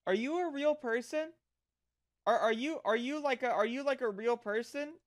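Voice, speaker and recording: A livestreamer chatting casually with viewers in a cute anime-streamer manner, animated and sweary, with bubbly delivery. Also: sits high, moderate pace.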